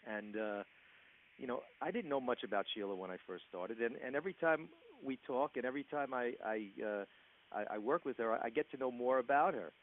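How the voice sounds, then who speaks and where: A man with a New York accent hosting a phone interview, halting with frequent restarts and a congested chest. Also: medium pitch. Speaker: interview host. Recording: tinny phone line with faint hiss.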